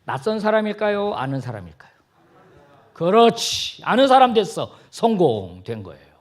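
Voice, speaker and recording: Male pastor, sermon delivery; higher voice with wide swings, playful, acts out dialogue. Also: normal speed. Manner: animated, jokey, acts out dialogue. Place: church sanctuary.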